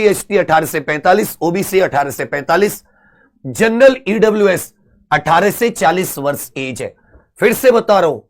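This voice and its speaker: High-voiced earnest coaching teacher, man. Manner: earnest, persuasive, addresses students as friends. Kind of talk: animated exam-prep video lesson.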